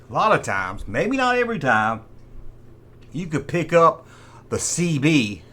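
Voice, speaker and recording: A man with a higher, fairly bright voice hosts a vintage toy show, giving rambling, wistful commentary on collectible toys. His chat is casual and full of repetition.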